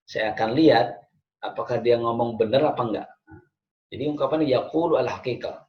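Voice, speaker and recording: Male teacher, Indonesian accent, mid-pitched, chatty explainer; roomy, dull lo-fi recording. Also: brisk. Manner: explains step by step, repeats Arabic phrases then translates; casual, conversational with many fillers. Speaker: Arabic teacher. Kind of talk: online language lesson.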